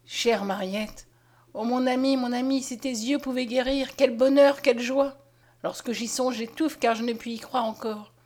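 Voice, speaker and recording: A woman's voice: fairly high pitch, steady tone, normal speed, darkish tone, close to an everyday voice. A woman voicing a hopeful, devout young peasant girl who speaks fervently and tenderly. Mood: joyful.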